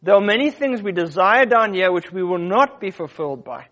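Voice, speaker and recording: A man with a high voice preaches a sermon and works through Bible verses as he teaches. He puts questions to his listeners and talks his way through fillers and restarts. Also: expressive, brisk, fairly bright tone.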